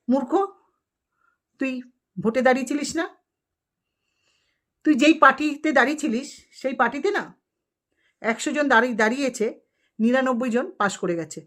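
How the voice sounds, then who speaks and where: A woman vlogger scolds a rival in a long, heated rant. Her voice sits fairly high, and she fires off insults and rhetorical questions one after another.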